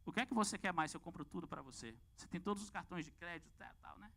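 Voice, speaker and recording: A man acting out a frantic middle-aged husband begging Death for more time, haggling over years and days. His bright, lively pleading rises and falls as he bargains, told as a comic bit in a church sermon. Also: sits high, racing, vocal fry, heavily acted.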